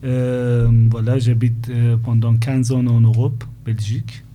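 A man speaks as a guest activist on a radio show in a studio. He talks haltingly and stops to search for words. His timbre is very dark and his pitch is flat and monotone. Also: a little hiss or hum. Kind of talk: radio interview.

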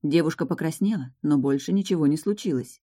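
A woman narrating a first-person fantasy audiobook in an even, low-key manner. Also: a little fast, husky.

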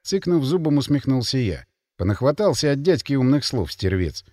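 Male audiobook narrator, first person, wry, matter-of-fact, lively intonation, dry recording. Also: mid-range voice, moderate pace, dry recording.

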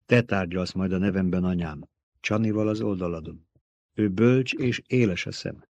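A man's voice: sits low, no echo, highs cut off. A man reading as a cold young desert ruler. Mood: commanding. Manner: measured, calmly dictating terms. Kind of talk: audiobook reading.

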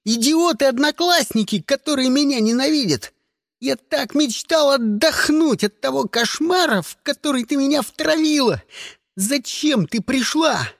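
A man's voice: very high voice, animated, a little slow, dry recording, clean studio sound, voice pushed up, full character voice. A man voicing a frantic, bullied teenage boy who screams with a cracking voice, in an audiobook.

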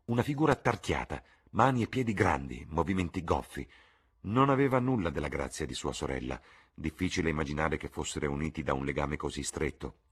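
A man reading a novel aloud in measured, expressive audiobook narration. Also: rumbling low, husky. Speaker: audiobook reader.

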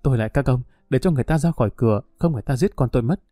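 A man's voice: mid-range voice, racing, dark tone, dry recording, clean studio sound, close to an everyday voice. A man doing a pleading desperate mother. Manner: pleading, tearful. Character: desperate young mother begging for her child.

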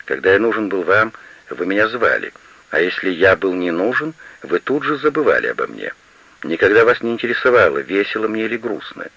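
A man's voice: deep voice, sing-song, fairly quick, sharp tone, slightly rough, dry recording, heavily acted. A man reading an audiobook and voicing a stubborn, gloomy young estate manager who speaks tersely, on a slightly lo-fi recording. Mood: bitter. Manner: terse and unyielding.

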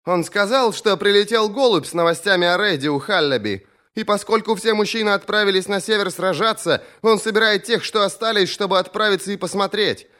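A man's voice: sits high, a little fast, hardly any pauses, pushed and bright, pitched above the performer's own voice. A man reading an audiobook, voicing a young woman who calls insistently through a door to her brother. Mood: urgent. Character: young woman, anxious, scolding older sister. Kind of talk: audiobook character voice.

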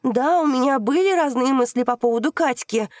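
A woman reading an audiobook, voicing a desperate young woman who pleads in high, loud outbursts. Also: takes it slowly, dry recording, studio quality.

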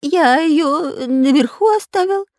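A woman's voice: high voice, takes it slowly, a little mellow, no echo, clean studio sound, pitched above the performer's own voice. A woman reading a storybook aloud and voicing a cowardly, whining male pirate spy who panics and stammers. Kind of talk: audiobook character voice.

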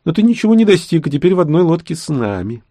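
A man's voice: on the high side, very animated, quick pace, mellow, no echo, studio quality, voice pushed up. A man voicing a proud, headstrong young witch in an audiobook, snappish and insistent. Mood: scornful. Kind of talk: audiobook character reading.

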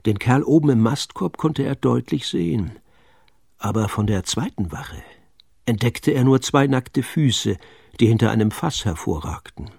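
Husky man reading a children's tale. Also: medium pitch, lively intonation, unhurried, darkish tone, no echo, studio quality. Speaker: narrator. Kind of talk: scripted storybook narration.

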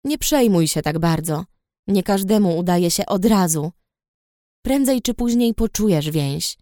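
A woman's voice: lowish voice, lively intonation, unhurried, warm tone, no room sound, clean studio sound. Woman voicing a stern, terse male mentor. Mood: calm. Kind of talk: audiobook character voice.

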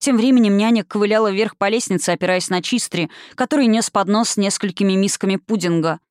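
A woman reading a novel aloud in steady, measured storytelling. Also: mid-range voice, no room sound, studio quality. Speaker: audiobook narrator. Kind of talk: scripted narration.

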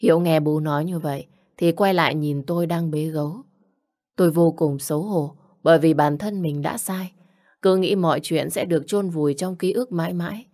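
A woman narrating a dramatic first-person story in a steady, plain manner. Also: sits low, moderate pace.

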